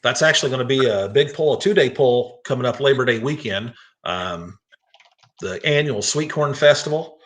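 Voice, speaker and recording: A man's voice: mid-range voice, normal speed, a bit bright. American man hosting a casual talk show. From East Central Illinois, United States. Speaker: host and tractor pull announcer.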